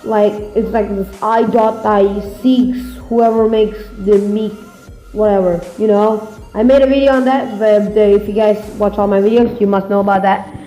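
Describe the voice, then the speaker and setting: Excitable woman rambling over faint music. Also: mid-range voice, moderate pace. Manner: rambling, excitable, many fillers. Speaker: gaming theory YouTuber. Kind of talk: casual game-theory commentary. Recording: roomy echo, faint music behind.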